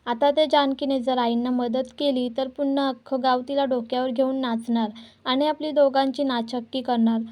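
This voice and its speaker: Scolding, proud young wife with a high, flat delivery, as a woman reads her lines. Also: close to an everyday voice. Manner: sharp and scolding.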